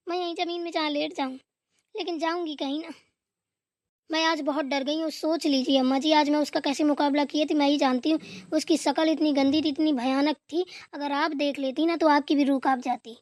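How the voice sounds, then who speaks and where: Brief: woman doing whiny scared young bahu, high voice, dry close mic. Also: steady tone, brisk, no echo, close to an everyday voice. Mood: pleading. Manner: whiny pleading. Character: frightened young daughter-in-law, pleading.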